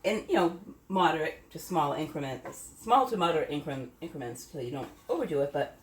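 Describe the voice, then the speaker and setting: A middle-aged woman with a low voice talks through a home cooking demo in a chatty, rambling way, correcting herself as she goes. She is recorded from a distance in an echoey kitchen with a faint hum of room noise behind her. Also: expressive, brisk. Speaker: home cooking channel host. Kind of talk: casual cooking demo chat.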